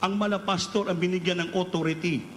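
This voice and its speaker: A male preacher with a fairly high voice tells a story from the pulpit, and his voice climbs at the peaks. The sound rings through a large church hall with a long reverb. A faint hiss runs underneath. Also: a little fast. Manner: animated storytelling, rising pitch at climaxes. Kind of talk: storytelling sermon. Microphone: live webcast of service.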